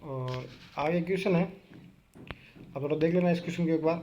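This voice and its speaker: A man's voice: fairly high pitch, fairly quick, dark tone, slight background noise. A man with a Rajasthani Hindi accent teaching an exam-prep quiz lesson. He reads each question, asks it back and answers it himself.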